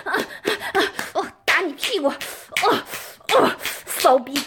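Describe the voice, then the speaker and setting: A woman's voice: high voice, expressive, slow pace. A woman playing a bossy possessive older schoolmate. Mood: domineering. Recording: noisy recording with clicks.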